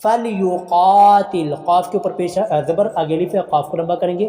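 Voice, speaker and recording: A male Quran teacher with a Pakistani Urdu accent works through a lesson, chanting each phrase in slow, drawn-out syllables before correcting the pronunciation plainly. His voice is dark and mellow. The recording rings in an echoey room with long reverb. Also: high-pitched. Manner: drawn-out, slowed recitation of each phrase, then calm correction. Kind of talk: slow tajweed lesson, reciting then explaining.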